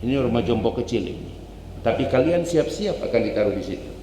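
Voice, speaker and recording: Male ustadz, animated sermon storyteller; reverberant mosque hall. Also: mid-range voice. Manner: animated storytelling, direct address. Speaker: ustadz giving a dawn study at a mosque. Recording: echoey mosque hall, faint hum.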